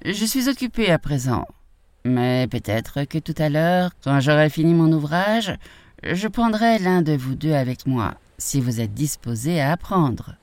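Brief: storybook old sailor, calm and instructive, dry close sound, read by a woman. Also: fairly high pitch, a little slow, dry recording. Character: patient old sailor mending rope.

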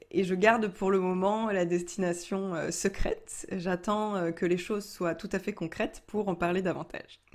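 Chatty French-speaking woman podcaster. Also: on the low side. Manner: chatty, many fillers and restarts. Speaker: podcast host. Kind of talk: casual personal podcast talk.

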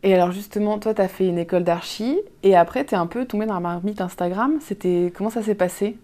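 A woman interviewer asking lively, informal questions in a casual chat. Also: medium pitch, fairly quick.

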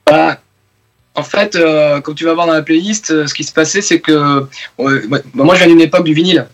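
Speaking at a normal speed in a fairly high voice, a French guest musician in his forties talks loosely in a casual radio interview, with lots of fillers and restarts.

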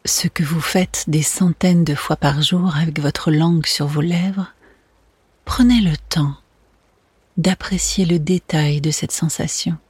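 A meditation guide speaks very slowly in a soft spa whisper. The voice is extremely breathy and hushed, soothing throughout, and sounds close and dry, with almost no room around it. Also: medium pitch, fairly even intonation, no room sound.

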